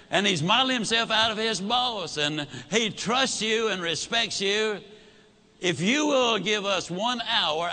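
A man's voice: high-pitched, bright, forceful tone. A man giving a motivational talk, telling a story and acting out both sides of a conversation. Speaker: motivational speaker.

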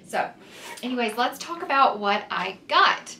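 A woman's voice: on the high side, lively intonation, measured pace, sharp tone, recorded from a distance, slight background noise. A woman vlogger reviewing skincare in a chatty, casual way with many "um"s and "like"s, a little stuffy and sniffly from a cold. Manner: chatty, lots of "um" and "like". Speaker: beauty vlogger. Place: home, in winter with snow outside.

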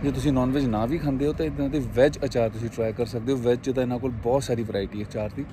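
A man, casual and explanatory, narrates his travel vlog to a camera held at arm's length. He sits in a mid-range voice. Steady road and vehicle noise runs behind him outdoors. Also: medium pitch, fast. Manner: friendly, explanatory, polite with frequent "ji". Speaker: food vlogger. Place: roadside by a hill town market, outdoors. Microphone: phone or camera held at arm's length. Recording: outdoor noise and passing traffic.

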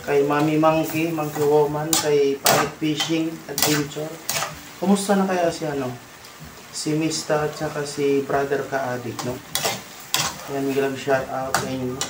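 A man with a Filipino accent hosting a casual cooking vlog, chatting and giving shout-outs to viewers while he stirs a pan. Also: on the high side, little pitch movement, unhurried, heavy background noise. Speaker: cooking vlogger. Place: home kitchen, indoors, at a stove. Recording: roomy kitchen with loud sizzling and clattering pans.

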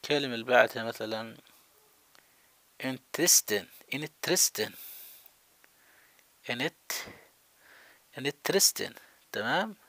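Male language teacher, slow and patient repeater, gravelly tone. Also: mid-range voice, animated, sharp tone, no room sound. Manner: slow repetition of words, checking in. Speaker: English teacher. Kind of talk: vocabulary lesson.

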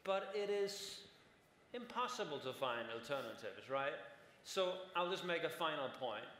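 A man's voice: on the high side, fairly bright tone, slight background noise. A man in his forties speaking as a panelist at a conference, explaining at length and often checking in with "right?". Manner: explanatory, frequent "right?" tags. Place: large conference hall on stage. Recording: roomy hall with long reverb.

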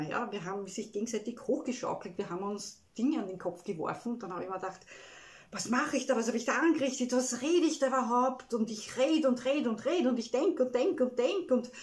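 A woman with an Austrian accent gives a personal, reflective self-help talk, speaking emotionally and haltingly with frequent tag words. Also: on the high side. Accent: Austrian German.

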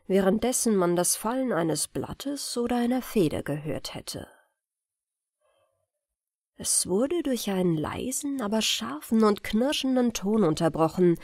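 A woman reading a spooky tale aloud as a calm, measured bedtime audiobook narrator. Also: medium pitch, husky, no room sound, studio quality. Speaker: audiobook reader.

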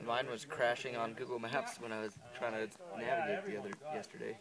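A man chatting with friends outdoors in deadpan, teasing banter. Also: medium pitch, a little fast, over a noisy crowd. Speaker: friend on the trip. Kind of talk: casual banter. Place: outdoors on a cliff edge. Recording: distant voice, loud wind noise outdoors.

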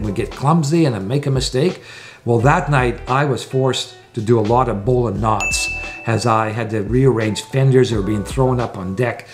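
A man's voice: mid-range voice, darkish tone. Older man, earnest explainer, numbered points, home room, faint guitar behind. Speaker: sailing vlogger. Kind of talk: to-camera vlog talk. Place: small room at home, indoors.

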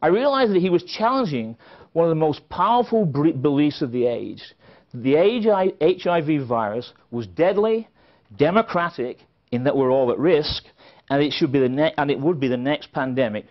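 A middle-aged Englishman gives a keynote speech in a conference hall before a seated audience, telling stories with dry, wry asides. His voice is fairly high with lively intonation at a moderate pace, and the recording sounds dull and lo-fi.

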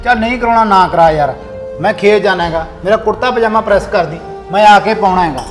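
A man's voice: sits high, fast, soft background music. A man with a Punjabi accent playing an impatient husband in a family skit, giving orders. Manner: impatient and commanding.

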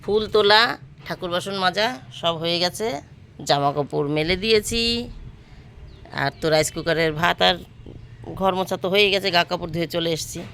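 A woman's voice: on the low side, normal speed, long pauses, a bit bright, slight background noise. A woman chats to viewers as her friends, narrating her morning on a phone camera at home. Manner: chatty, addresses viewers as friends while doing chores. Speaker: vlogger. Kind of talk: casual daily-life vlog narration. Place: home rooftop garden and kitchen.

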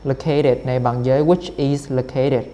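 A man's voice: mid-range voice, fairly even intonation, moderate pace, warm tone. Man teaching an exam lesson in a reverberant room. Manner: repeats words many times, with fillers. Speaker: English teacher. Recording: reverberant room, faint noise.

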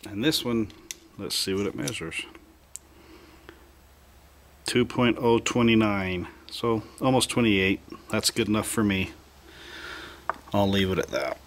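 A man's voice: on the low side, slow pace, long pauses, a little hiss or hum. A man casually walking through a hands-on how-to at his bench, plainspoken and rambling, with hiccups. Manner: plainspoken, rambling, self-interrupting. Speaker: hobbyist reloader.

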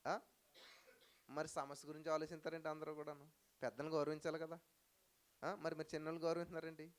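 A male pastor preaching a sermon to a live congregation, with rhetorical questions and loud hallelujah cries. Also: a little high, little pitch movement, quick pace. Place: church hall with live audience.

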